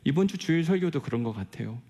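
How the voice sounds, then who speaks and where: A male pastor delivers a sermon in an earnest, conversational style, sharing personal stories and posing rhetorical questions. His voice is fairly high, dark, and expressive, and he speaks quickly. The recording has long hall reverb.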